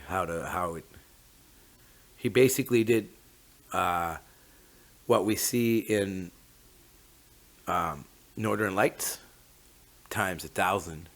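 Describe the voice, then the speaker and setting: A man with a Mi'kmaq First Nations Canadian English accent giving an informal, reflective, rambling talk, often tagging his phrases with "eh". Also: lowish voice. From Mi'kma'ki, eastern Canada. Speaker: host of a talk on traditional teachings.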